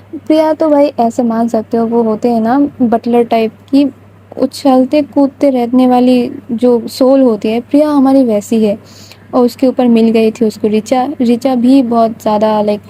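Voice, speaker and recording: Woman storyteller, casual and chatty, very mellow tone, breathy husky voice. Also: fairly high pitch, poor audio. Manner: chatty, informal, direct address to listeners.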